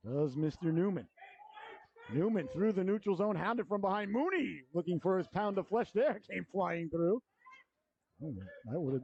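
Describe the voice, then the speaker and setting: A middle-aged man works as a hockey announcer in a high yet mellow voice. He calls plays in a folksy, excitable way full of colourful slang. The audio is slightly dull and lo-fi. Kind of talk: live hockey announcer commentary.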